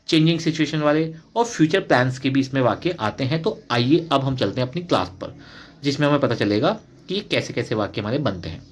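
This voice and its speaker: Young Indian-accented male teacher, a little high-pitched, calm and repetitive classroom explaining. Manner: explains patiently, repeats example sentences, calls students "beta". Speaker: English teacher. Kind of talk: spoken grammar lesson.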